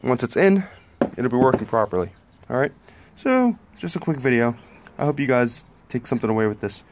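With a medium-pitched, sing-song voice and a brisk delivery, a home mechanic explains a car part repair at his tented garage workbench, phone held one-handed close to the job. He is plain-spoken and a little apologetic, and there's noise in the background of this casual how-to vlog.

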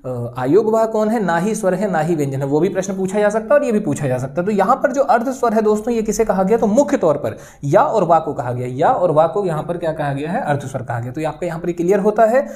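Lively woman teaching Hindi grammar. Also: fairly low pitch, fast talker, hardly any pauses. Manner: explains step by step, often adds "ठीक है" and "दोस्तों", says sounds aloud. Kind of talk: exam-prep grammar lesson.

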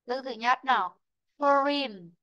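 A woman teaching an online English lesson, slowly modelling word stress and calling out students who answered right. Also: a little high, a bit bright, lo-fi sound. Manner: slow, drawn-out model pronunciations of English words; calls out student names and marks answers right.

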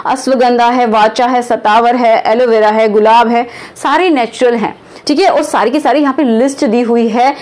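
Woman, fairly high voice, casual promotional explainer, friendly check-ins. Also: fairly even intonation, moderate pace, a little mellow. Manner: chatty, keeps checking in with listeners. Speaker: product presenter and health adviser.

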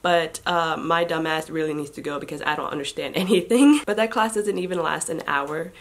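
Low-voiced young woman chatting to camera. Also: brisk. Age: young adult. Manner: chatty, self-deprecating, laughs often. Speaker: vlogger. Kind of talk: casual vlog chat. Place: small dorm room indoors. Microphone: phone camera at arm's length.

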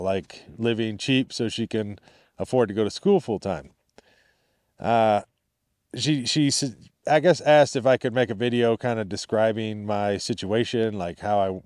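A man's voice: on the low side, darkish tone, clean tone, no echo, studio quality. A man chatting casually to viewers as a vlogger, in an informal, rambling and appreciative way. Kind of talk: casual chat to camera.

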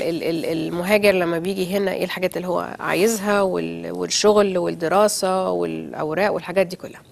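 An Egyptian woman with an Egyptian Arabic accent hosting a studio talk show, brisk and friendly. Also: fairly low pitch, vocal fry. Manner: frequent back-channel murmurs, brisk and friendly.

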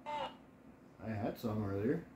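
A man in his forties co-hosting a paranormal video, talking casually and asking spirits short, unhurried questions. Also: fairly low pitch, wildly swooping pitch. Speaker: co-host of a paranormal investigation video. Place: living room at home, indoors. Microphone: camera a few feet away. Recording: roomy echo with loud noise. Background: loud noise from a spirit box session.

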